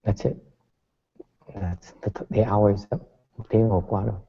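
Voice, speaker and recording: A man's voice: lowish voice, little pitch movement, normal speed, creaky, breathy edge. Man, buddhist teacher, playful dharma talk, long hall reverb, dull muffled sound. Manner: playful, mixes English and Vietnamese, acts out quotes.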